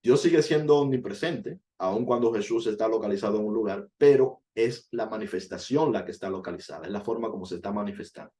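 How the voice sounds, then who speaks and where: A man's voice: on the low side, fast, few pauses, mellow. A man giving an earnest Bible study sermon, explaining each point and lifting his voice on key words. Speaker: Bible teacher.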